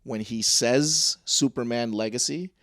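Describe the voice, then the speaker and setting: A man co-hosting a podcast who talks in loose, excitable bursts, swearing freely and padding his sentences with fillers. His voice sits mid-range and sounds dry and close, with no room around it. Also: medium pitch, a little slow, no room sound. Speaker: podcast co-host. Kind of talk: casual chat.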